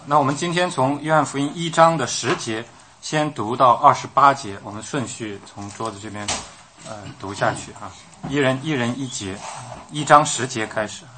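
A man interpreting for a Bible study and directing the reading, steady with some hesitant fillers. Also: medium pitch, moderate pace, slight background noise.

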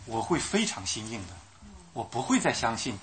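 A man's voice: medium pitch, normal speed, a little hiss or hum. Guy giving a sermon, acts out the characters, keeps asking do you get it, medium voice. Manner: animated, acts out voices of people he quotes; asks the audience questions, repeats himself. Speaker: preacher.

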